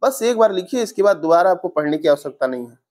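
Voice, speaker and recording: A man's voice: high voice, animated, quick pace, a little mellow. A young male teacher walking through exam spelling answers step by step in an online lesson, often correcting himself mid-sentence.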